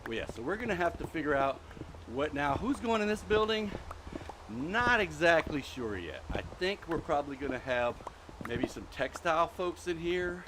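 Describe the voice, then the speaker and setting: A middle-aged man, winded from treadmill walking, hosts a live game stream full of rambling chatter and remarks aimed at the game's creatures. His fairly high voice swings widely in pitch at a moderate pace, against a noisy background.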